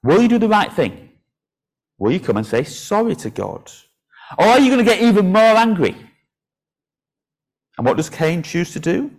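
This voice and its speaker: Male preacher, lively sermon voice, pitch rising and falling a lot, asks kids questions. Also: moderate pace, long pauses. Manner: animated, asks questions to children in the congregation.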